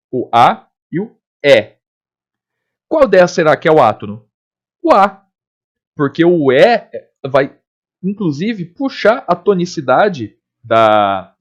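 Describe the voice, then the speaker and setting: A Brazilian man teaches a grammar lesson in a fairly high, animated voice that rises and falls a lot. He explains step by step and keeps checking with his students. The recording sounds dull and lo-fi. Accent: Brazilian Portuguese.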